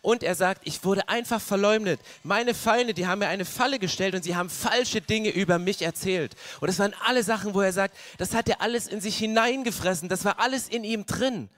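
Young guy pastor, kinda high voice, dry close sound, gets loud and fired up. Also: fairly quick, few pauses, no echo. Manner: earnest, builds to loud passionate stretches. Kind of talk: sermon.

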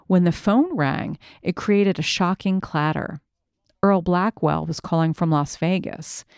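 A woman reading a first-person memoir aloud in a measured, reflective storytelling manner. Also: on the low side, gravelly, a little mellow, clean tone, no room sound, clean studio sound. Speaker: narrator.

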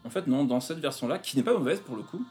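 A man presenting retro video games in a casual chat, pausing often with fillers. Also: on the high side, animated, darkish tone, soft background music. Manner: hesitant, many fillers. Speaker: game presenter.

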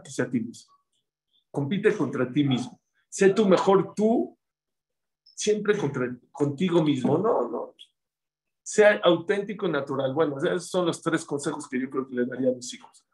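Animated middle-aged man, preaching. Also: a little high, poor audio. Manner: animated, repeats words for emphasis. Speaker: rabbi giving a class. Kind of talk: sermon with storytelling.

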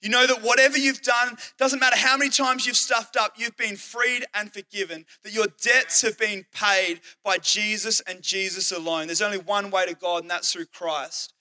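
Young aussie guy preaching to youth, high bright voice, earnest, slows way down on the big points. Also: steady tone. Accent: Australian. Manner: earnest storytelling, acts out quoted speech, slows for emphasis. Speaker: youth pastor and teacher. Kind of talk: sermon with personal stories.

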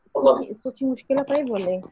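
A woman's voice: high voice, very fast, dark tone, slight background noise. A woman with an Egyptian Arabic accent asking a question on a choppy, glitchy call line that keeps cutting out, hesitating and restarting her words. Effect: choppy glitchy call line that cuts out. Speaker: caller. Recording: dull lo-fi call line with faint music.

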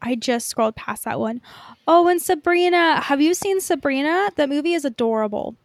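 A woman co-hosts a podcast full of casual pop-culture chat, informal and enthusiastic and swearing freely. Her voice sits high with lively intonation at normal speed, and there is no echo.

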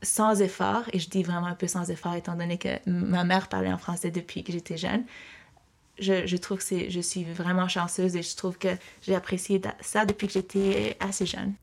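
A woman's voice: fairly low pitch, flat delivery, moderate pace, gravelly, a little mellow, a little hiss or hum. A young woman from Mexico answering interview questions in a hesitant, reflective way, with many fillers and restarts.

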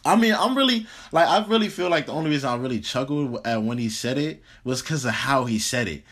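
A young man co-hosting a casual podcast chat, speaking thoughtfully in halting sentences with many fillers. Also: medium pitch, a bit bright. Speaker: podcast co-host.

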